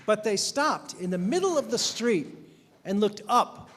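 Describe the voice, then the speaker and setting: A man's voice: high voice, sing-song, unhurried, fairly bright tone. A man leading worship and narrating a Christmas story to a congregation, in an upbeat, coaxing, playful manner. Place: church sanctuary. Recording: reverberant church hall with faint noise.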